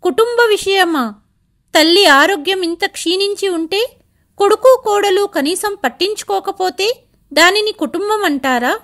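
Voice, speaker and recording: A woman's voice: extremely high pitch, lively intonation, unhurried, a bit bright, voice pushed up, heavily acted. A woman doing a stern older man. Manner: stern, firm delivery. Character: older man, steady and protective.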